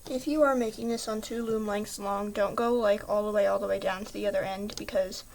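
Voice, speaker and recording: A woman's voice: medium pitch, steady tone, fairly quick, gravelly, background noise. A woman patiently talking through a step-by-step craft tutorial, chatty, with small slips, apologies and a slightly throaty voice.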